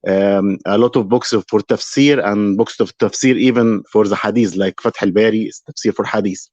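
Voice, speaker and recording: A man from Egypt with an Egyptian Arabic accent, a guest speaking haltingly with many pauses and fillers. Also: on the low side, steady tone, darkish tone, dry recording. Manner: halting, full of fillers and restarts. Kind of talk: casual live-stream conversation. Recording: dry, dull call audio.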